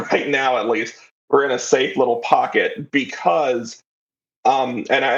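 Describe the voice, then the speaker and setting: As an interview guest, an audio drama writer and creator gives a casual, thoughtful answer that rambles a bit. His voice sits at medium pitch, and the sound is lo-fi.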